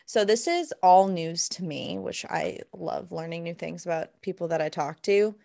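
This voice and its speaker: A woman's voice: lowish voice, animated, normal speed, vocal fry, warm tone. A young woman hosting a podcast, playful and chatty with casual slang. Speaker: podcast host. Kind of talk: casual interview conversation.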